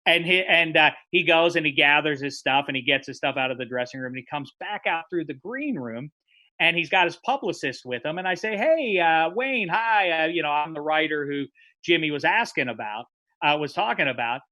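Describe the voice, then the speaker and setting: A man co-hosting a podcast, telling an animated story and acting out the quotes. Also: brisk, no echo. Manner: acts out quotes with big pitch jumps. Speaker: podcast co-host.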